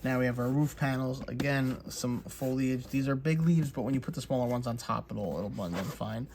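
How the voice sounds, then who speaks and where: Male hobby host, mid pitch, laid-back and chatty with lots of fillers, faint noise floor. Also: normal speed. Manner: relaxed, chatty, many fillers. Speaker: crafts channel host. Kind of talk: casual unboxing walkthrough.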